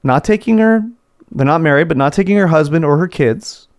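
Lively man telling an office story. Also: a little high, fairly quick, no echo, highs cut off. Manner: animated storytelling, acting out coworkers' voices. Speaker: podcast co-host. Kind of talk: casual chat.

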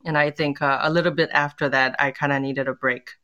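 A woman born in Korea, a tango musician, talking in a casual interview, thoughtful and pausing often with fillers and restarts. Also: sits low, fairly even intonation, sharp tone, muffled recording.

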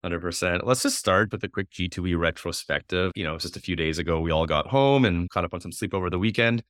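A man from Winnipeg, Canada, hosting an interview podcast with a hoarse smoker's rasp and a runny nose. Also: low-pitched, fast talker, a bit bright, no echo, clean studio sound. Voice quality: raspy, like a heavy smoker, from a strained throat. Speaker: podcast host.

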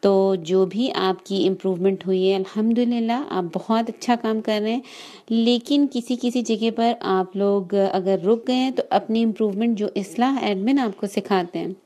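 A woman's voice: medium pitch, dark tone. Patient woman teaching careful recitation. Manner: patient, explains slowly, drawing out example words and checking in with listeners. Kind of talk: online class lesson.

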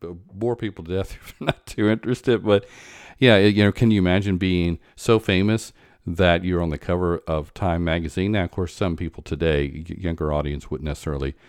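Deep-voiced man hosting, halting and dry. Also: fairly even intonation, darkish tone, smooth, dry recording. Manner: halting, many restarts and fillers. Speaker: podcast host. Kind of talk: conversational interview.

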